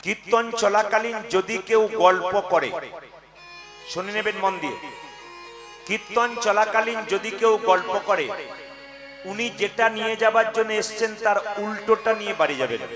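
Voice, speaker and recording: A man leading a devotional kirtan gathering, preaching and calling the crowd to chant with him, coaxing them louder with playful asides. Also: sits high, unhurried. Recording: live music with tabla behind.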